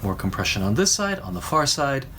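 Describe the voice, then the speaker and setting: A man explaining how to draw eyes and mouths, talking while he sketches and pausing between phrases. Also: medium pitch, big pitch swings, pushed and bright, slight background noise. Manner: explanatory, talks while drawing, pauses mid-phrase. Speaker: drawing instructor. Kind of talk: recorded art lesson.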